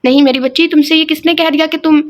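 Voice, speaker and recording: A woman's voice: high voice, steady tone, pitched above the performer's own voice, natural voice. A woman voicing a loving middle-aged mother who comforts her daughter, reading a novel aloud. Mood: tender. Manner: tender, reassuring.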